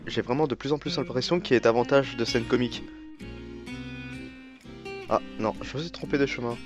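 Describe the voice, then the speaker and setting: A man's voice: medium pitch, fast talker, lo-fi sound, over music. A man, a native French speaker, giving casual let's play commentary. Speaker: gaming video commentator.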